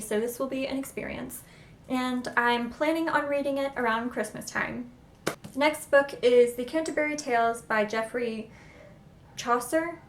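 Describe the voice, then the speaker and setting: Chatty young woman in an echoey room. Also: fairly high pitch. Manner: self-deprecating, unsure of pronunciations; chatty, excitable. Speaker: booktuber. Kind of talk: casual book haul vlog.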